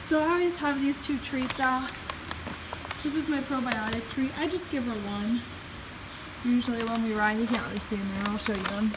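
In a horse barn partly out in the rain, a young woman vlogs casually for her viewers, often breaking into laughter. Her voice sits on the high side and moves at a moderate pace, picked up by a phone camera at arm's length along with barn noise.

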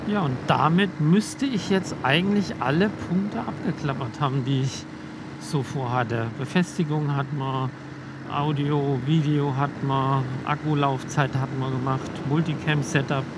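A young motovlogger with a mid-range voice rides country roads, chatting casually about his gear through a helmet intercom mic. He sounds relaxed and uses lots of filler words, and the helmet mic picks up road and vehicle noise.

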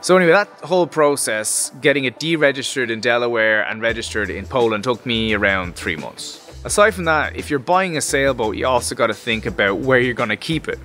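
Guy in his 30s chatting outside, relaxed explainer vibe, faint music behind. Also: medium pitch, fairly quick, few pauses. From Ireland. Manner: conversational, gestures while explaining, fillers like "like" and "you know". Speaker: sailing vlogger. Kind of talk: casual explanatory vlog talk. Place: outdoors by a stone wall.

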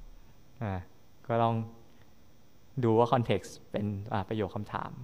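A man's voice: on the low side, steady tone, slow pace, dark tone. Man lecturing in a reverberant hall. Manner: explanatory, often checking understanding with tag questions. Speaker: university lecturer. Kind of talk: classroom lecture.

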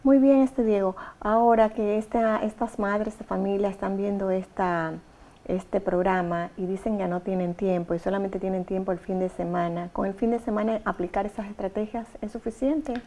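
A woman's voice: mid-range voice, fairly even intonation, moderate pace, warm tone. A woman hosting an advice talk show, giving emphatic, direct instructions to mothers. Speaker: talk show host and therapist.

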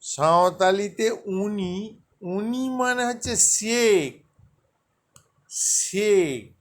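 A man teaching a language lesson, repeating each word slowly and deliberately for learners. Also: high-pitched. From West Bengal. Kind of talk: slow spoken language lesson.

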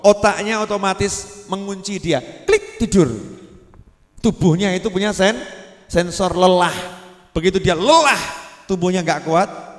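A man preaching a sermon at a religious gathering, playfully quizzing his audience. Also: high-pitched. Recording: echoey hall.

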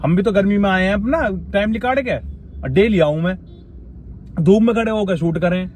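A man's voice: high voice, normal speed, darkish tone, slight background noise. A man arguing bluntly and mockingly with a friend in a car, in a comedy sketch. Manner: blunt, mocking, repeats himself. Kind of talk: scripted comedy sketch argument. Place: inside a parked car.

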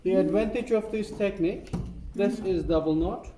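In a carpet workshop, a high-pitched guide with a Turkish accent explains each stage of the process at a moderate pace, patiently pausing to ask "okay?" The sound was recorded from afar in an echoey, noisy room.

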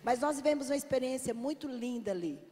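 A woman giving a lively stage testimony at a church congress as an intercessor leader, acting out the dialogue and sometimes shouting. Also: high voice, fast. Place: large congress hall. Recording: long hall reverb.

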